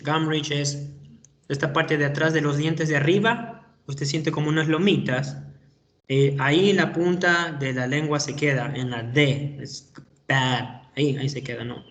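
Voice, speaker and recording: A middle-aged man with an Ecuadorian Spanish accent, giving feedback to students in an online class, slow and explanatory with many hesitations. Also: fairly high pitch. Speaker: English teacher.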